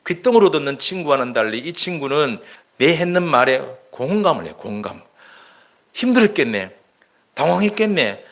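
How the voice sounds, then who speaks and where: A man's voice: medium pitch, fairly bright tone. A male pastor, preaching in an earnest, conversational way. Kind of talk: sermon.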